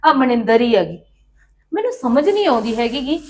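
A woman's voice: fairly high pitch, very animated, a little fast. An actress playing a patient housewife who placates her demanding sister-in-law and complains to her husband. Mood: aggrieved. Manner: pleading, placating, then aggrieved. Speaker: actress in a village family drama.

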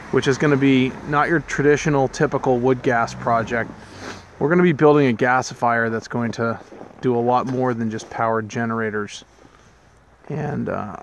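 Filming handheld, a thirtysomething homesteading host talks loosely through his vlog, first outside by a pickup in snow and afterward in his workshop. He rambles, restarting sentences and saying um often, in a mid-range voice over faint background noise.

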